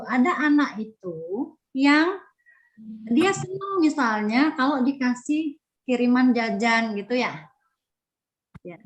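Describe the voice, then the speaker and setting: A woman giving a webinar talk to mothers, speaking in a warm, repetitive way full of "ya". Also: high voice. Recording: dull lo-fi video call audio.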